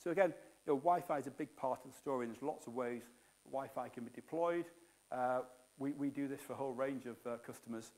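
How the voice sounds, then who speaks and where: A man's voice: mid-range voice, fast talker, a little mellow. A middle-aged man giving a technical keynote on a conference stage, explaining with jargon and frequent fillers. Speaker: keynote speaker.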